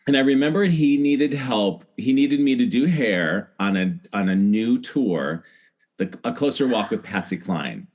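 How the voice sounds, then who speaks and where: With a mid-range, expressive, slightly mellow voice, a middle-aged man from Iowa shares stories in an unhurried, chatty way. He is a celebrity hair stylist appearing as a podcast guest, acting out remembered dialogue.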